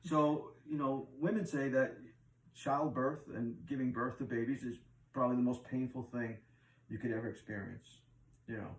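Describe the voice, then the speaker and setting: Laughing middle-aged host in a roomy room. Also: male voice, mid-range voice, steady tone, moderate pace. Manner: laughs often, chatty, lots of fillers. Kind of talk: casual chat. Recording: roomy room, distant mic.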